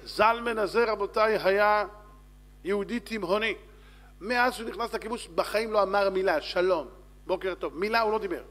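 A man, a rabbi, telling a story in a sermon and acting out shouts and dialogue. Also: sits high. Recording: long hall reverb.

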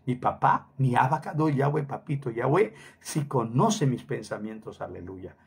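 A man's voice: mid-range voice, lively intonation, moderate pace, gravelly, slightly rough. A middle-aged man preaching a sermon emphatically, repeating phrases for stress and dropping Hebrew words into his talk.

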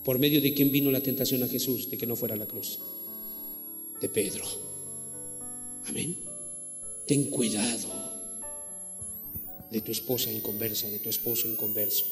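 A man preaching a sermon, animated, acting out quarrels in a shrill voice. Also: moderate pace, pauses often. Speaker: pastor. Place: church hall. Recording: echoey hall with faint music.

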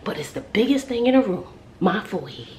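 Quick and sing-song, a little mellow, in a mid-range voice, a middle-aged American vlogger jokes around to camera indoors, mostly in her kitchen. She's sassy and emphatic, repeating lines for comedic effect. Captured on a handheld or nearby camera at arm's length, the audio is echoey with clear background noise.

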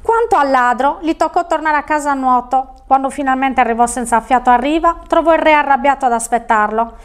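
A woman's voice: high-pitched, brisk. A woman telling a fairy tale on a children's show, reading expressively.

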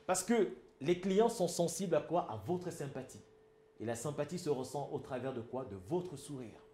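A man with a Cameroonian French accent gives an emphatic lesson, his voice pitched a little high yet mellow in tone. He keeps asking his listeners whether it is clear. The recording is echoey, with a faint hiss underneath. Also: lively intonation, normal speed. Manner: emphatic, asks the audience if it is clear. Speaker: public speaking trainer. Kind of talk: instructional talk.

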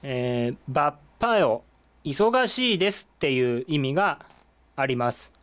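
A Korean language teacher works through words step by step at a whiteboard, lively and explanatory, with frequent "eh" fillers. His voice is mid-range and unhurried.

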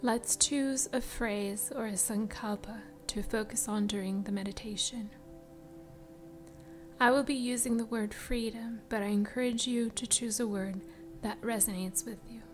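A woman guiding a meditation in a soft, breathy spa voice that trails into whispers, soothing and unhurried. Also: on the high side, steady tone. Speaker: meditation guide. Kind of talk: slow guided meditation narration. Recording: music behind the voice. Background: background music.

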